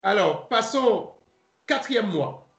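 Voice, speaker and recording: A man leads a relaxed Bible study, speaking in a fairly high voice. He stops and restarts often and spells out names letter by letter. The room around him is echoey. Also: gravelly. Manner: halting, repeats words, spells names letter by letter. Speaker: Bible teacher. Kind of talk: informal Bible study lesson. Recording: roomy echo.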